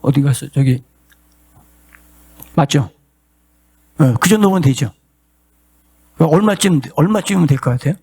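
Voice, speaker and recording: A middle-aged male pastor preaching a sermon, shifting from plain talk to impassioned shouts and sung cries. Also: fairly high pitch, lively intonation, a little slow, pauses often, breathy edge.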